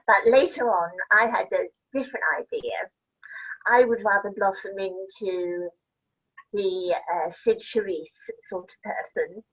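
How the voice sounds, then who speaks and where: A woman's voice: medium pitch, unhurried, fairly bright tone. Older lady from scotland rambling through stories, laughs a lot, kinda dull muffled sound. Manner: chatty, laughing, rambling anecdotes. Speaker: interview guest, actress. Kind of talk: casual chat.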